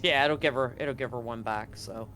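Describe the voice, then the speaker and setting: Here a game master runs a live tabletop role-playing session, his mid-range voice sharp in tone as he explains things conversationally at a normal speed. The recording has music in the background.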